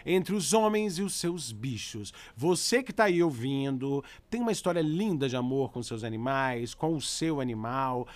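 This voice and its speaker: A man's voice: medium pitch, lively intonation, normal speed, hardly any pauses, no echo. A man with a Brazilian accent hosting a podcast in an effusive, informal way, talking straight to listeners. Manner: exclamatory, effusive, informal, addresses listeners directly. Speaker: podcast host. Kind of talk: animated pet podcast hosting with listener chat and story reading. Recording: music bed under the voice. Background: background music.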